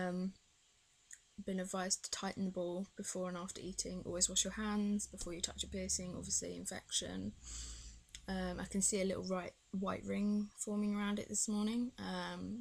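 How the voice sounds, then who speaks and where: A woman's voice: mid-range voice, gravelly, slightly rough, rough recording. A young British woman chatting casually in a video diary, rambling and hesitant, her speech slightly impeded by a swollen tongue. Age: young adult. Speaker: vlogger.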